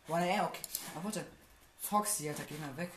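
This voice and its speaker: A man's voice: fairly high pitch, quick pace, fairly bright tone. A man doing casual let's-play commentary on a horror game, jumpy, muttering to himself and swearing under his breath. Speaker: gamer playing a horror game. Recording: echoey room with noticeable noise.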